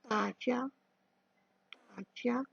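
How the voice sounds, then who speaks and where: A woman teaching a beginner language lesson, speaking slowly and patiently and drawing out example syllables. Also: fairly high pitch, creaky, fairly bright tone, breathy edge, highs cut off. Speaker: Mandarin teacher.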